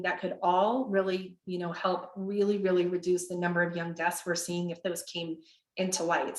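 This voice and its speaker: A woman's voice: lowish voice, echoey room, low-quality recording. A woman leading an online training webinar, upbeat and chatty with lots of fillers.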